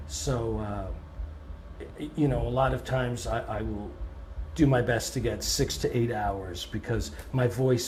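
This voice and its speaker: A touring blues singer and guitarist, male with a scratchy, medium-pitched voice, answers interview questions. He's relaxed and thoughtful, pauses on plenty of "um"s, and restarts now and then.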